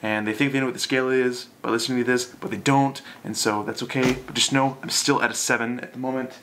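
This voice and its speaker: A young man rambles drunkenly to a camera in a bedroom. His voice sits at a middle pitch, and his casual chat wanders loosely. Faint noise runs under the recording. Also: fairly even intonation, fast talker. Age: young adult. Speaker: video message sender. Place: small bedroom, indoors.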